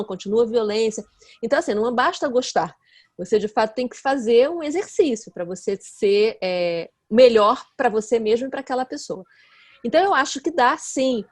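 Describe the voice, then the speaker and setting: A woman, a guest expert who explains her ideas earnestly in relaxed conversation and often checks in with her listener. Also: fairly high pitch, a little fast. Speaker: guest expert in nonviolent communication.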